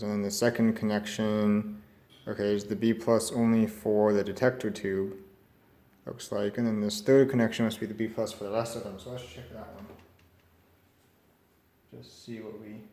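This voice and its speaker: With a mellow, lowish voice, a man narrates his vintage radio repair work at a cluttered workbench in an indoor room. His demonstration is casual and hands-on, tentative, as he thinks aloud. The recording carries room echo and faint background noise.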